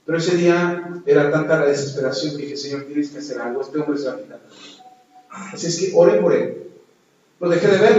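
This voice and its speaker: Pastor preaching in an echoey hall. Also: male voice, a little high, a little mellow. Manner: storytelling, acts out dialogue. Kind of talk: sermon testimony. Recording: very echoey, distant, dull sound.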